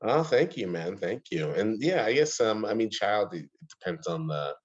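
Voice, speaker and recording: A man's voice: on the low side, very animated, normal speed, husky. A young man from Ohio, a podcast guest on a video call, telling stories eagerly with many fillers. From Ohio, USA. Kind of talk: casual interview chat. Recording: dull lo-fi call audio.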